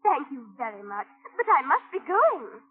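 A woman's voice: high voice, sing-song, normal speed, very noisy. An actress voicing a polite, curious little girl with a prim, well-mannered way of speaking. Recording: phone-like lo-fi audio with music.

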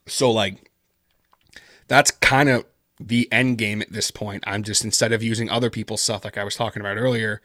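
On the low side, steady, and pushed and bright in tone, this man talks at a moderate pace in studio-quality audio with no room sound. He's a Canada-based horror story writer guesting on a podcast, rambling casually through the interview with lots of "like" and "kinda".

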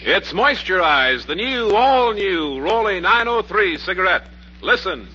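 A man's voice: high voice, sing-song, measured pace, noisy background. An American man in the formal, declamatory manner of an old radio announcer, reading a scripted broadcast. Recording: muffled 1940s radio recording, music behind.

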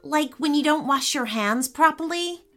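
A woman voicing an eager, excitable little boy in a children's storybook. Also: high voice, unhurried, voice pushed up.

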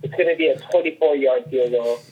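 A man's voice: medium pitch, quick pace, slight background noise. A man chatting casually about sports on a podcast, heard over a muffled, lo-fi connection. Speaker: podcast co-host or guest.

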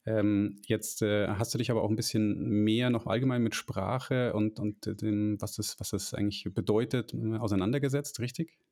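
A man hosting a podcast interview, relaxed and hesitant, often pausing with fillers. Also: fairly low pitch. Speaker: podcast host.

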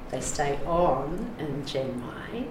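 A middle-aged New Zealand woman speaks candidly in an interview about recovering from addiction, her talk full of fillers and restarts. Her low voice swings widely in pitch and moves at a slow pace. The room is echoey and there's background noise.

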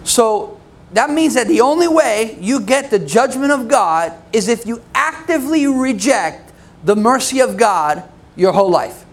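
A man preaching a sermon in a conversational way, with quick asides and laughs. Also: very high voice, animated, a little hiss or hum. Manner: conversational, laughing asides, acts out quoted voices.

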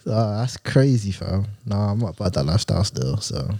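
A man's voice: lowish voice, lively intonation, a little fast, warm tone. A young man with a London urban roadman accent, chatting bluntly and dismissively in street slang. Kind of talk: casual banter in street slang.

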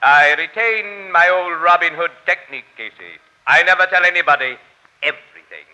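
A pompous, genteel amateur sleuth. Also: male voice, on the high side, expressive, moderate pace, pushed and bright. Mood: smug. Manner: pompous, formal diction. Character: genteel male amateur crime-fighter, pompous and wry. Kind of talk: 1940s radio acting. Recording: dull lo-fi old radio broadcast.

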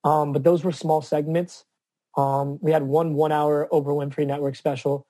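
A man's voice: on the high side, level tone, normal speed, warm tone, no echo. A man speaking as a guest on an interview podcast, earnest and reflective about advocacy. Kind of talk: casual interview chat.

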